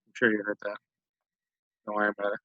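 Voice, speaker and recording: A man's voice: lowish voice, completely flat delivery, fast, dry recording. A man giving rambling, self-mocking casual commentary while playing a video game. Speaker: let's play commentator. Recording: dull lo-fi dry mic.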